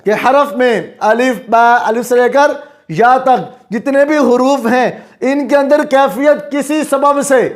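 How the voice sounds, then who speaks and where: High-voiced teacher who quizzes his class. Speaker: Quran recitation teacher. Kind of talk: explanatory lesson.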